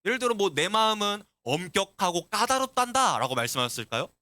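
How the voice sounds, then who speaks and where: Male youth pastor with a high, very lively voice, preaching to teens. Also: brisk, no room sound. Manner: asks the students many questions; lively and animated. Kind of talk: sermon to middle schoolers.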